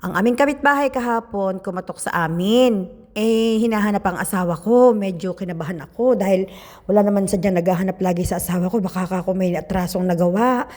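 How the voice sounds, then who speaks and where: A middle-aged Filipino woman, a little hoarse from a cold, chatting and gossiping to viewers while eating on her food vlog. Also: medium pitch, fairly quick, darkish tone, big-room sound. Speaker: food vlogger. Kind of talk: casual eating vlog chat.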